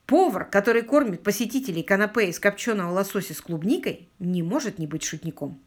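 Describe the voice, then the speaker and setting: A woman's voice: medium pitch, expressive, fast talker, natural voice. A woman reading the lines of a composed middle-aged male journalist in an audiobook, in a dry, matter-of-fact manner. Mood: explaining.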